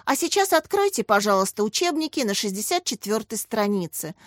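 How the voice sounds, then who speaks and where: A woman voicing a patient young schoolteacher who speaks calmly and gently. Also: medium pitch, fairly quick, dry recording, studio quality, close to an everyday voice.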